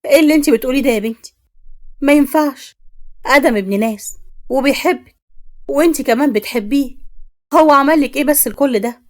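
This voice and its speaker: An anxious middle-aged mother with an Egyptian accent, pleading with her daughter, as a woman narrator puts her on. Her voice is fairly high and hurried. This is a spoken storybook. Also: natural voice. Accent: Egyptian Arabic. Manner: pleading, scolding.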